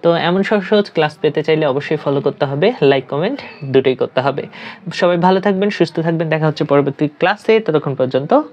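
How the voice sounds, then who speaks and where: A teacher giving a spoken English lesson, saying each phrase in Bengali and then repeating the English slowly. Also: medium pitch, darkish tone, dull audio.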